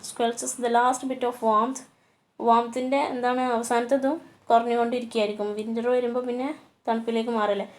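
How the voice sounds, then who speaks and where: A woman teacher lecturing on a poem, slowing to a deliberate pace on the English lines and pausing on fillers as she explains. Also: a little high, flat delivery. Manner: switches to slow, deliberate reading for English lines; hesitant, with many fillers. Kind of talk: poetry lecture.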